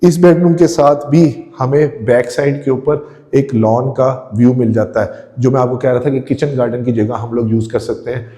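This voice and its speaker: A real estate tour host from Pakistan leads viewers through the rooms of an empty house, talking directly to the audience and describing each space with enthusiasm. His voice is mid-range and warm, at a normal speed.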